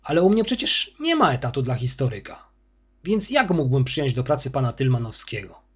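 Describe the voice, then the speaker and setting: A man's voice: medium pitch, big pitch swings, a little fast, breathy edge, lo-fi sound. Man playing a polite older headmaster. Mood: restrained. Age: 60s. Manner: polite, restrained, defensive. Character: older male school headmaster, calm but offended.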